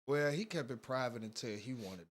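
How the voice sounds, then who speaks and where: A man's voice: medium pitch, animated, normal speed. A man co-hosting a podcast, talking in a laid-back, profane, casual banter. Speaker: podcast co-host.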